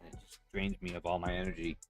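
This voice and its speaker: A man chatting casually to his stream viewers, rambling and excitable, full of fillers and restarts. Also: lowish voice, fast, gravelly. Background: faint music.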